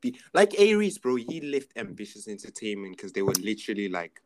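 A man's voice: fairly low pitch, big pitch swings, a little fast, very noisy. A young man chatting casually, slangy, blunt and sweary. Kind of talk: casual chat.

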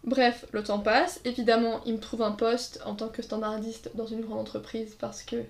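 A woman's voice: a little high, little pitch movement, normal speed. A woman telling casual anecdotes in a chat, acting out quotes and laughing along. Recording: roomy echo.

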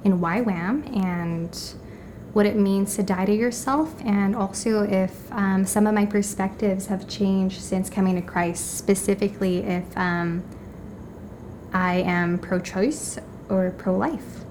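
A woman with a mid-pitched voice talks as a podcast guest. She tells her own story casually in halting phrases, with faint noise behind her. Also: steady tone, darkish tone.

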